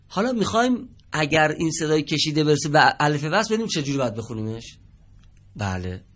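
A man teaching Quran reading in a televised studio lesson. He quizzes his students patiently and stretches out each example word slowly. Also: medium pitch.

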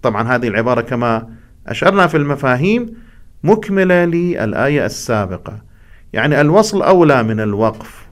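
A man's voice: mid-range voice, sing-song, fairly quick. A man teaching the rules of scripture recitation, explaining each point and breaking off to chant short examples.

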